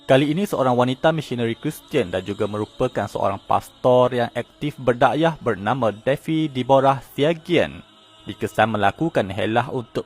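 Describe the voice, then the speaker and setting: A man delivers a scripted news report in a steady, even tone. His voice sits at a middle pitch, and faint music plays beneath it. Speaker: narrator.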